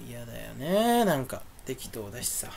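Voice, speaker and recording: A young man rambling alone to his audience, grumbling and ranting with sudden loud bursts. His pitch leaps around in a lively, animated way, and his voice has a naturally angry edge. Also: moderate pace, gravelly, noisy background. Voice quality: voice sounds angry even when not. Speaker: streamer. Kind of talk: solo rambling monologue.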